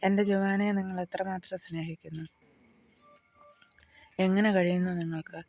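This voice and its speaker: A man's voice: high voice, level tone, normal speed, a little mellow, soft background music. A reader voicing a remorseful man confessing the wrongs he did, in an audiobook of a novel. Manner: guilt-stricken, confessing.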